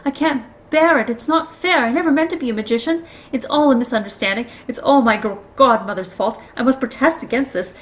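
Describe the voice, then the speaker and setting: A woman's voice: fairly quick, hardly any pauses, far from the mic, natural voice. Woman doing a wailing cowardly old uncle. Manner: wailing, shaky and high. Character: trembling fussy old male uncle, cowardly.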